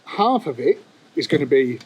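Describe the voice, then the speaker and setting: A man's voice: medium pitch, big pitch swings, normal speed, slightly rough, highs cut off. Rambling man hosting a podcast. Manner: rambling, hesitant with many fillers. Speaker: podcast host. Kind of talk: casual chat. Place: workshop, outdoors in the sun. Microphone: clip-on mic.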